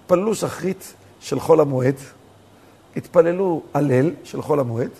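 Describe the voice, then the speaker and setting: A man, a rabbi, telling stories in a sermon, swinging from soft talk to emphatic outbursts. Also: a little high, creaky, husky. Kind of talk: storytelling sermon.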